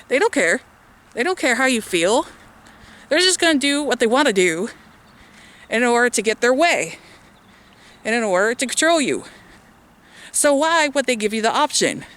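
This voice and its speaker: A woman's voice: fairly high pitch, fairly bright tone. A woman vlogger ranting while walking outdoors, slightly out of breath, with lots of filler words. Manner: ranting, chatty, many "like" fillers. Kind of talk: walking vlog rant. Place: outdoors on a walk.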